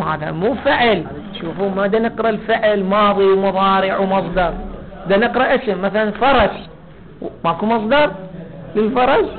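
An Iraqi-accented man lectures in a high, light voice, quizzing his class and drawing out the words he wants to stress. The sound is thin and tinny, as if heard through a phone line. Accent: Iraqi Arabic. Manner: asks the class questions and answers them himself; drawn-out stress on key words. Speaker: religious law teacher. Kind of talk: seminary lecture explaining a legal text.

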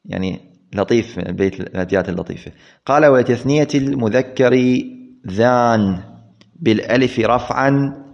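A man giving a grammar lesson, repeating key words and asking questions he then answers himself. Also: on the low side. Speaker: grammar teacher. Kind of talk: classroom lecture. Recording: dull lo-fi recording.

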